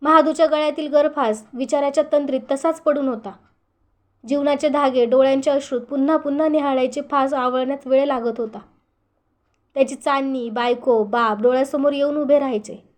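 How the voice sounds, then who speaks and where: A woman storyteller giving a steady, earnest scripted narration of a short story. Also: sits high, normal speed.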